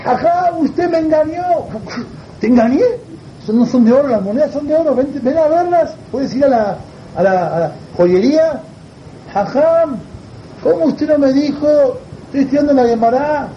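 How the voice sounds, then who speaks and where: A man's voice: animated, a little fast, slight background noise. A man voicing a young male Torah student who pleads tearfully and insistently. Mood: tearful pleading. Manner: high, crying, insistent. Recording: dull lo-fi recording.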